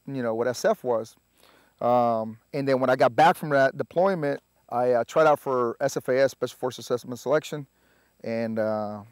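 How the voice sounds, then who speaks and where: A man, a Spanish speaker, telling his story in a relaxed, halting way full of filler sounds. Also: mid-range voice, dry recording, clean studio sound. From Puerto Rico. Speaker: army veteran guest. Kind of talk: casual interview storytelling.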